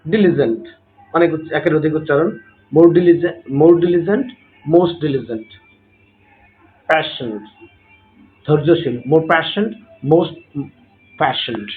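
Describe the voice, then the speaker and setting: A man teaches a grammar lesson at an unhurried pace, stretching each example word out carefully. His voice sits a little high. The sound is thin and phone-like. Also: faint music behind. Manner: slow, patient, drawn-out word examples; repeats a set phrase after each point. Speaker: English teacher. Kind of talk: grammar lesson explaining notes.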